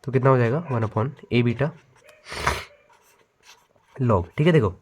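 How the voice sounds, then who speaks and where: A man's voice: mid-range voice, slow pace, highs cut off, slight background noise. Man talking through a physics problem. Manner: checks often that students follow. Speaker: physics teacher. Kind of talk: step-by-step math lesson over handwritten notes.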